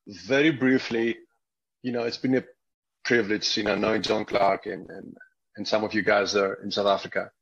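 A man who grew up in Greece, a whistle-blower guest giving a halting personal account on a video call, with many fillers and restarts. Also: lowish voice, slightly rough, highs cut off.

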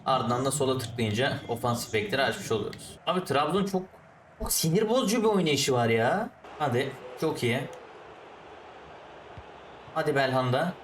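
A man's voice: medium pitch, moderate pace, roomy sound, far from the mic, a little hiss or hum. Exasperated man ranting over a football game. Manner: exasperated, ranting at the referee and players; switches to calm explaining of tactics. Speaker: gaming YouTuber. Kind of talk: live football game commentary.

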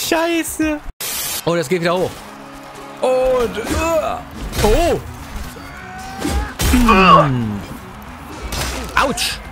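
A young man giving excitable, slangy gameplay commentary, yelping and laughing as he plays. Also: high voice, drawn-out words, long pauses, music in the background. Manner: excitable, slangy, laughs often, yelps at hits. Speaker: gaming YouTuber.

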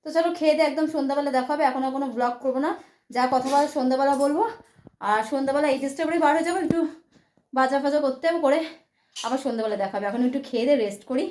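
Fast-talking high-voiced woman vlogger. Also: darkish tone, slight background noise. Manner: chatty, rambling, repeats herself. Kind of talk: casual daily vlog talk to viewers.

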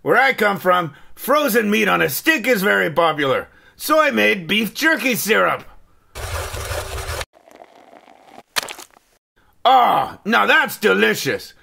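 Manic superhero toy reviewer , male performer, high voice with big swoops, exaggerated and comically neurotic, for a puppet-style comedy review. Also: sing-song, normal speed, gravelly, few pauses, sharp tone, breathy edge, full character voice. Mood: proud. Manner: exaggerated, theatrical delivery. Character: manic self-important superhero action figure reviewing toys, comically neurotic.

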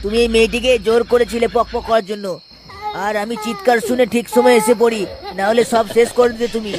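A man's voice: extremely high pitch, level tone, fast talker. A man voicing a brazen, scheming cheating husband in a comic cartoon. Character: sly cheating middle-aged husband. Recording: noisy home recording.

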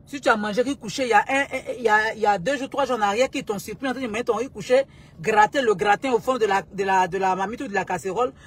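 A woman being interviewed as a guest artist, speaking in a calm, measured way, often hesitating and repeating words as she thinks. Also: on the high side, husky. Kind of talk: talk-show interview answer.

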